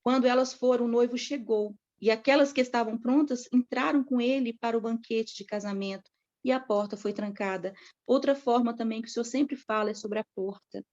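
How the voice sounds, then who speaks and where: A woman's voice: a little high, brisk, darkish tone. A woman preaching a sermon to other women with a fervent, repetitive cadence. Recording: dull lo-fi recording.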